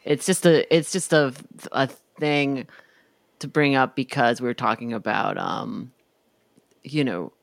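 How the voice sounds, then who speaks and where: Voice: medium pitch, slow pace, vocal fry, no room sound. A podcast co-host in casual political chat, meandering and hedging with many fillers.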